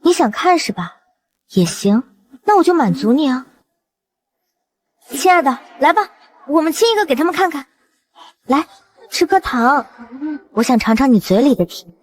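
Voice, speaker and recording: A woman's voice: high voice, big pitch swings, moderate pace, long pauses. An actress playing a teasing, defiant young woman who stands up to her critics. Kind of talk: short drama acting.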